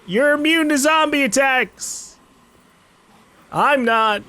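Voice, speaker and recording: A male let's play host on YouTube chats playfully and casually, hollering at the characters in his game. His voice is extremely high, pushed and bright, and he speaks at a slow pace.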